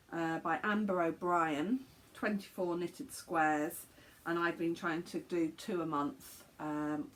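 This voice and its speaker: This knitting podcast host talks casually to the camera at home in a fairly low-pitched voice with a slight croakiness. She rambles along, restarting often and saying um a lot.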